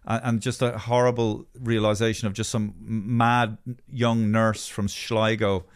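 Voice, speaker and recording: A man in his fifties, co-hosting a comedic chat, talks in halting restarts with sudden loud outbursts. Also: lowish voice, little pitch movement, clean tone. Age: 50s. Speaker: podcast co-host.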